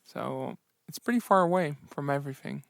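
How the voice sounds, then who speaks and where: A tired man keeping a casual, halting audio diary outdoors, sheltering under an umbrella in the rain. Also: on the high side, creaky, no echo, clean studio sound. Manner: halting, rambling, reflective. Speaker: travel vlogger on a solo walking trip.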